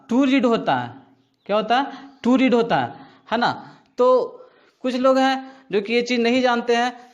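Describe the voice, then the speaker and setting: A man's voice: very high voice, muffled recording. A male teacher explaining a grammar lesson to his students. He keeps checking in with tag questions and repeats his own answers back to them.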